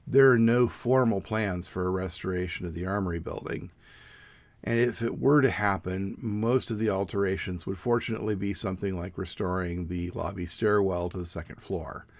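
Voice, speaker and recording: A middle-aged man giving a measured, plain informative presentation outdoors. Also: sits low, fairly even intonation, dry recording. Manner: measured, plain explanatory delivery. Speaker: student presenter. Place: outdoors in front of a brick building.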